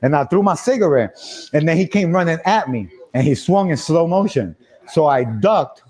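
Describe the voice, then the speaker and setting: Animated high-voiced man telling a story. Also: moderate pace. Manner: animated, laughing, acting out quoted voices. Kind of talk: casual storytelling on a livestream.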